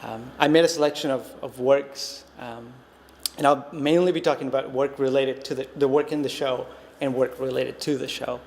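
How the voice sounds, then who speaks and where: A Costa Rican man in his thirties, a native Spanish speaker, gives an artist talk as a visiting artist. His mid-range voice moves at a normal speed with fairly even intonation, and his manner is reflective and hesitant, full of ums and restarts. The recording, made in a reverberant gallery, has a long hall reverb and faint noise.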